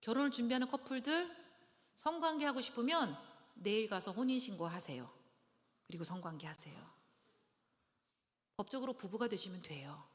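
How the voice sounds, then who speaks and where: Animated woman lecturing in a reverberant hall. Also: a little high, normal speed, pauses often. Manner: lively, dramatic, acts out little scenes, leads call-and-response. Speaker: marriage preparation lecturer. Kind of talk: church lecture to engaged couples. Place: church hall.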